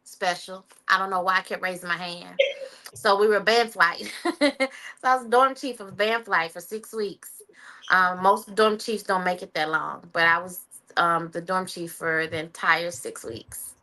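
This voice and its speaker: Woman guest, 40s, lively storyteller, bright slightly low voice. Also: unhurried. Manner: animated, acts out quotes with shifting voice. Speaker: interview guest, Air Force veteran. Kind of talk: casual storytelling.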